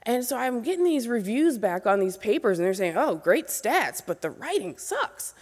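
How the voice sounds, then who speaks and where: A woman's voice: a little high, sing-song, moderate pace, a little mellow, breathy edge. A woman in her forties giving an earnest keynote lecture from a podium microphone on an auditorium stage, speaking directly to new graduate students. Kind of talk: motivational lecture. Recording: long reverb of a large hall.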